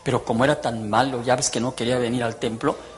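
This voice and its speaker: A man, giving a testimony as a preacher, telling his story in an animated way, with loud bursts and hushed asides. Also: medium pitch, quick pace, noisy background. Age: 60s. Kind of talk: testimony sermon.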